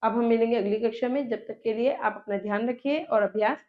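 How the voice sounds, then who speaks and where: A woman's voice: a little high, a little fast, dull audio. A woman teacher giving a grammar lesson, sounding out letters one by one and often checking in with her students. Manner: often checks in with "theek hai".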